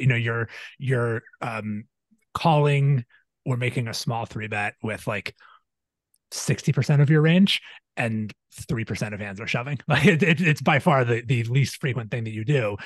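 A man's voice: medium pitch, no echo. Guy hosting a podcast, lots of likes and restarts, super dry sound. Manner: analytical, many fillers and restarts. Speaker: podcast host. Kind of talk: casual strategy discussion.

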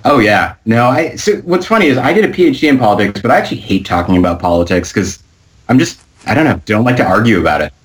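Very deep-voiced man chatting. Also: fast talker. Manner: relaxed, a few fillers. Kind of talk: casual chat.

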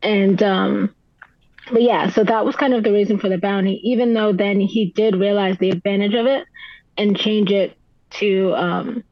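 A woman poker player, a podcast guest, retelling events in an animated way with lots of "like" fillers. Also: mid-range voice, normal speed, no echo, highs cut off. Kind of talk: podcast storytelling.

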